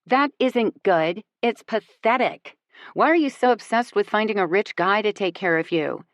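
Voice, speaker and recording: A woman reading the part of a snarky, bossy teenage girl with a sharp, scornful delivery. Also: mid-range voice, very animated, measured pace, no room sound, clean studio sound, pitched above the performer's own voice.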